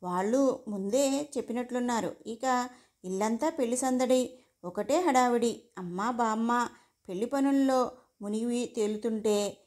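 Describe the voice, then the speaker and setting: A woman reads a first-person story aloud with an expressive storyteller's manner. Her voice sits fairly high for a woman. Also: unhurried.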